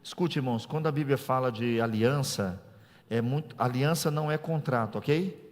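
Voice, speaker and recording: Brazilian male pastor, mid-pitched, lively teaching sermon that swings from joking asides to loud climaxes, church reverb. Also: normal speed. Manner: animated, swings from soft asides to loud preaching peaks; joking, conversational with the congregation. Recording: long reverb of a church hall.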